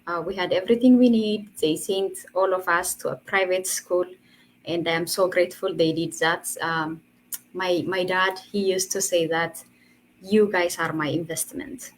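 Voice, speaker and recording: A woman's voice: lowish voice, steady tone, normal speed, a little hiss or hum, rough recording. A woman, a guest telling her story earnestly over a video call in a casual interview. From Ethiopia. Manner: earnest, laughs between phrases. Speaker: guest, online entrepreneur.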